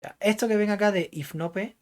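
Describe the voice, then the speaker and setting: A man's voice: high-pitched, brisk, a little mellow. Man lecturing a programming class. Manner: keeps checking understanding with "¿ya?" and "¿entiendes?"; thinks aloud, hedging what he recalls.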